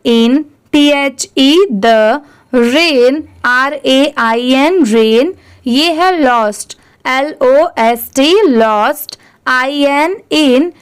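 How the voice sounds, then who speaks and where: A woman teaching English reading in Hindi. She spells words out letter by letter and asks and answers her own questions as she goes. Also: sits high.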